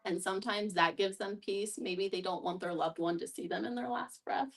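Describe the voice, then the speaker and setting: A woman who is a hospice social worker serves as a guest discussion facilitator, answering questions thoughtfully and explaining in a conversational way. Her voice is medium-pitched at normal speed, picked up by a distant mic.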